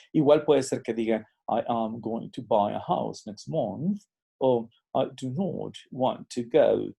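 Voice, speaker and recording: A male teacher gives a recorded lecture, explaining and demonstrating examples of English pronunciation. His voice is medium in pitch, gravelly and husky, with a dark tone.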